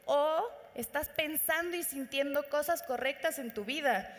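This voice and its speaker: A woman with a Mexican accent telling an inspirational story to an audience at a conference. She speaks in an animated way and talks straight to the listeners. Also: high-pitched, a little slow. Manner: animated, addresses audience directly. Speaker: motivational speaker. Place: conference hall. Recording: reverberant conference hall.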